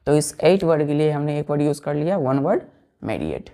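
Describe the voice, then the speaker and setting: A woman's voice: low-pitched, animated, a little fast, warm tone. A woman teaching an English vocabulary lesson to students, spelling out words letter by letter and often checking that they follow. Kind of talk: slow classroom vocabulary lesson.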